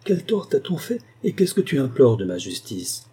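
A man's voice: medium pitch, huge pitch swings, moderate pace, warm tone, pitched above the performer's own voice. A man voicing a majestic older viceroy, speaking in a lofty, faintly mocking way. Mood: surprised. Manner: lofty, wry.

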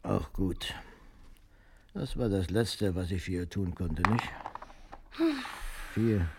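An actor playing a gruff, plain-spoken old grandfather in an old radio play. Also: sits low, takes it slowly, background noise, heavily acted. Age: older. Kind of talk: 1980s radio play acting.

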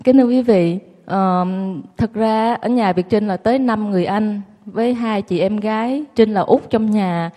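A woman's voice: mid-range voice, measured pace, hardly any pauses, dark tone, long reverb tail. A woman telling her childhood story to an audience in a candid, self-mocking way. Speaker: guest recounting her childhood.

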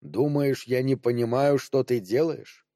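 A man voicing a bitter, resentful human brain trapped in a ship's computer, speaking slowly and coldly with sarcasm. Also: medium pitch, fairly even intonation, dark tone, no echo, studio quality, lightly acted. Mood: angry. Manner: slow, cold and sarcastic. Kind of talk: audiobook character voice.

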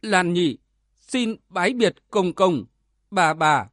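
A tearful young wife who pleads with her family, read by a man in close to his own voice. The reading is fairly high in pitch and sounds dry and close. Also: animated, slow, a bit bright, dry recording, heavily acted.

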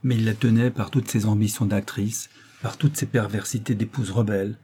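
A man reading a literary novel aloud as an audiobook narrator, in a measured, even storytelling manner. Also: on the low side, a little hiss or hum. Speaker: audiobook reader.

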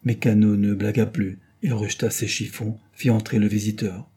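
A man reading a novel aloud as an audiobook narrator, with steady storytelling. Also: on the low side, moderate pace, breathy edge. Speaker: audiobook reader. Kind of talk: scripted narration.

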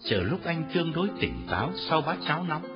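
A man narrating a novel as an audiobook in an expressive storytelling reading. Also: fairly high pitch, brisk. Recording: dull lo-fi recording with faint music.

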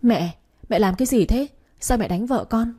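A woman's voice: fairly high pitch, moderate pace, dark tone, breathy edge, pitched above the performer's own voice. A woman voicing a stern, protective young husband in a story reading. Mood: tender. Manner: stern, commanding.

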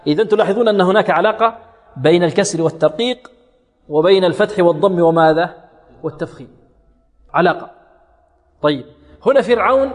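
A man teaching Quran recitation in a classroom lesson, quizzing his students and demonstrating sounds over and over. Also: high-pitched. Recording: echoey hall reverb.

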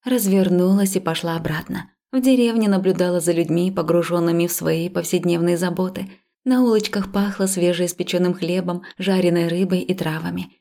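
A woman narrating a first-person audiobook in a calm, even reading. Her low voice has a gravelly edge and a dark, mellow tone. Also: a little fast.

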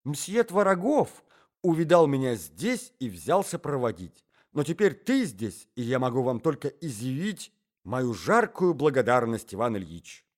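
A man voicing a flustered, flirtatious society lady who gushes in breathless, shrill exclamations. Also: big pitch swings, normal speed, a little mellow. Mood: gushing.

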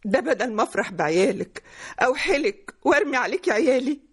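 A woman's voice: sits high, animated, fairly quick, slightly rough, full character voice. An actress playing a distraught, crying middle-aged mother who speaks with an Egyptian accent in a radio drama. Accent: Egyptian Arabic. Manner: sobbing, wailing complaints. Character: distraught middle-aged mother, sobbing over her husband.

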